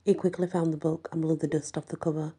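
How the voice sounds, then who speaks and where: A woman narrating a horror short story in a hushed, often whispered delivery. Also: low-pitched, level tone, fast talker, husky. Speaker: audiobook narrator.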